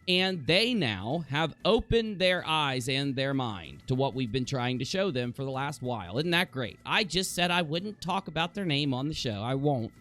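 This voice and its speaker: Animated man ranting on a livestream. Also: a little high. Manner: animated, ranting, swears casually. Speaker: streamer host. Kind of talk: casual livestream chat.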